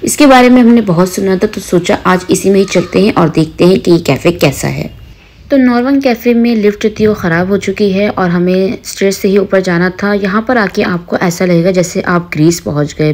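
A woman's voice: medium pitch, a little mellow. A young woman narrating her travel and food vlog in a chatty, descriptive voice-over. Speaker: vlogger.

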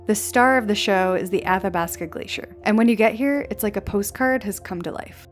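A young woman in a vlog, giving an upbeat, descriptive voice-over as a travel guide. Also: mid-range voice. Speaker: travel vlogger. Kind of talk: scripted travel narration. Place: outdoors at a mountain lookout for on-camera parts.

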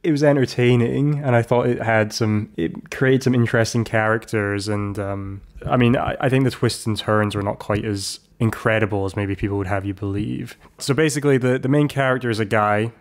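Low-voiced podcast guy rambling thru a movie recap, lots of asides. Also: fairly even intonation, brisk, few pauses. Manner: rambling, full of restarts and asides. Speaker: podcast host. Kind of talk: casual chat, recapping a film.

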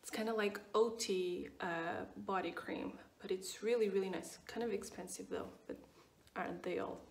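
This 29-year-old woman from Portugal, a skincare vlogger, has a medium-pitched, creaky voice with fairly even intonation and a moderate pace. She casually reviews her routine in Portuguese-accented English, heavy on fillers and repetition. She's recorded off-mic from a distance in an echoey room, with a little hiss or hum.

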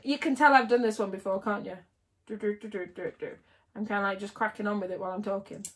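A woman's voice: mid-range voice, fairly even intonation, quick pace. A woman livestreaming casually, chatting and giggling with viewers while she builds. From United Kingdom.

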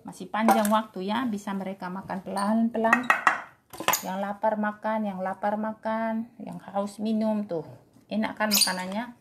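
A woman's voice: medium pitch, level tone, normal speed, gravelly, heavy background noise. A woman vlogging as she feeds her dogs, talking to them in a singsong, affectionate way, cooing and scolding in turns. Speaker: dog owner feeding her dogs. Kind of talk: casual vlog talk to pets.

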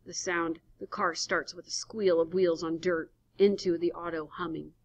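A woman's voice: fairly low pitch, steady tone, moderate pace. Woman reading a radio play aloud. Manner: reads stage directions plainly. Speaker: reader. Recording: dull lo-fi recording.

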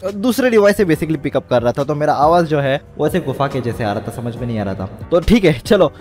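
Young male gamer host, a bit higher voice, casual step-by-step commentary over faint music. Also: expressive, brisk, darkish tone. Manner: explains step by step, mixes English words into speech. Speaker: gaming channel host.

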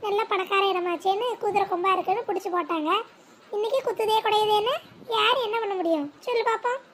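A gossiping neighbour woman with a very high, mocking voice, played by a woman. She talks with nosy glee about the family next door. A faint background hiss runs underneath. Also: fast talker. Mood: gossipy.

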